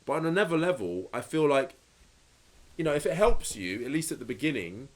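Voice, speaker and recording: A man's voice: a little high, very animated, fairly quick. A man co-hosting a podcast, speaking bluntly and swearing freely, at times reading from an article. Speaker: podcast co-host. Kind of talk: casual chat, reading from an article.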